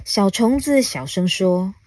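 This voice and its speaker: Gentle mother reading a storybook. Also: medium pitch, sing-song, slow. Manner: gentle, coaxing questions to a child. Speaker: mother reading a picture book to her child. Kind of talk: storybook read-aloud podcast.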